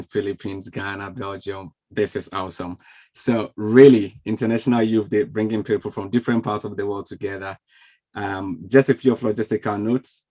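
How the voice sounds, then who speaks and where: Male webinar moderator on a video call, welcoming, filler-heavy, slightly low voice. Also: a little mellow. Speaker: webinar host. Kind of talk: online event moderation. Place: home or office on a video call. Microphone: video call microphone.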